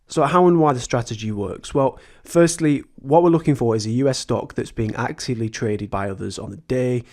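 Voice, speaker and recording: A man with a sore throat and a slightly croaky voice, hosting a chatty, earnest tutorial as a trading educator, speaking. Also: mid-range voice, brisk, darkish tone. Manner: chatty, earnest, with frequent restarts. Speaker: trading educator, channel host. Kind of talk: tutorial explaining a method.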